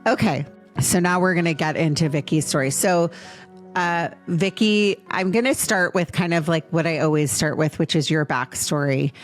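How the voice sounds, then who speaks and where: A woman's voice: deep voice, soft background music. A woman in her late twenties hosting a podcast interview, speaking earnestly and affectionately to her guest. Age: late 20s. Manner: earnest and affectionate, slow in emotional moments. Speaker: podcast host.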